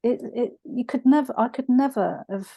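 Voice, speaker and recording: A woman's voice: fairly high pitch, moderate pace, husky, dry recording, muffled recording. A middle-aged woman hosting a podcast interview, telling stories in a heartfelt way. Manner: heartfelt storytelling. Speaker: podcast host. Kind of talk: conversational interview.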